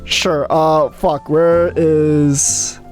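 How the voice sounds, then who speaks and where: A streamer chatting casually with viewers, rambling and excitable, full of fillers and swearing. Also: medium pitch, drawn-out words, faint music behind. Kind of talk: casual live-stream chat.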